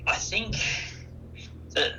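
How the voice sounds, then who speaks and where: Speaking extremely slowly in a bright, forceful voice, an older Australian man, a musician, rambles through a casual phone interview. He's self-deprecating and full of restarts and fillers, and there's slight background noise on the call.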